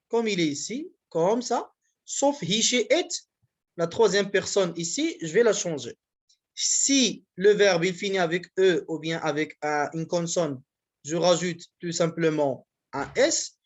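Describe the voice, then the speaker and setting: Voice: mid-range voice, lively intonation, unhurried. A university language teacher, giving a grammar lesson in a patient, repetitive way and often checking that the class follows. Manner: patient, repetitive explaining with frequent check-ins.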